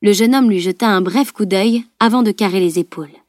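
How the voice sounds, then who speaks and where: A woman reading a novel aloud as audiobook narrator, calm and even. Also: medium pitch, a little fast, dry recording, clean studio sound. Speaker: audiobook reader. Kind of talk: scripted narration.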